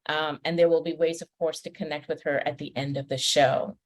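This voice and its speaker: With a low voice, level tone, and fairly quick pace, a Trinidad and Tobago podcast host and personal development coach runs a conversational interview. She sounds chatty and welcoming and uses fillers often.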